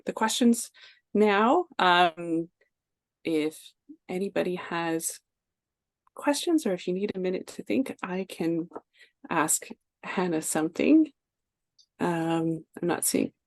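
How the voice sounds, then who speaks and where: A woman moderates the questions at a slow pace, her voice gravelly with fry. She fills pauses with ums and uhs. The sound is dry and close. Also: on the low side, dry recording. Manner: slow, many fillers, friendly. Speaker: research associate moderating questions. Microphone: video call.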